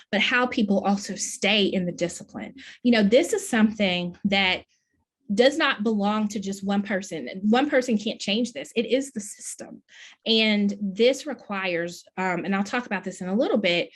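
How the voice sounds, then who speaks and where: Earnest woman giving a keynote. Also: medium pitch. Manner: earnest, questioning, emphatic. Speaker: plenary speaker, professor. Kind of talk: conference keynote address.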